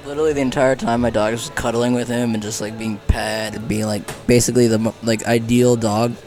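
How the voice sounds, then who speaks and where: A man's voice: mid-range voice, flat delivery, brisk, darkish tone, soft background music. Rambling teasing young man podcaster. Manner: rambling, teasing, many fillers. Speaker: podcast co-host. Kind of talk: casual podcast banter.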